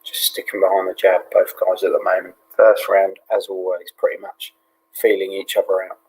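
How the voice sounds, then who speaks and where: A British man hosting a live fight watch-along in a hushed, half-whispered voice, relaxed and full of ums and yeahs. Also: sits low, normal speed, slightly rough, low-quality recording. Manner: relaxed, with many fillers like um and yeah. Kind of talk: low-key live fight commentary.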